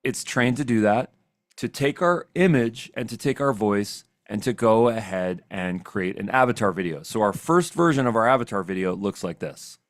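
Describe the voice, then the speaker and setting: A man leading a live software training session, talking in an energetic, chatty, demonstrative way. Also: lowish voice, normal speed, no echo.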